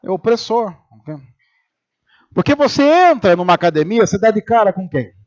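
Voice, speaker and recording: A pastor from Brazil giving a humorous sermon in church, telling stories and acting out the voices of the people in them. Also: male voice, high-pitched, normal speed, muffled recording. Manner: animated storytelling, acting out quoted voices.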